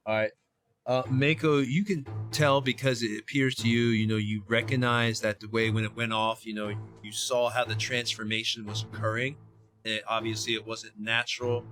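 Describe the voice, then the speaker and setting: A man's voice: lowish voice, sharp tone. A man narrating a tabletop game as game master, in a playful, joking manner.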